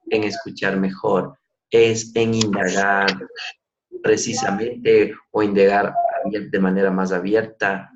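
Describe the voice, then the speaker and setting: A man's voice: on the low side, highs cut off. A middle-aged man leading an online coaching class, explaining and acting out ways of asking questions. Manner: demonstrative, acts out tones of questions. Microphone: video call.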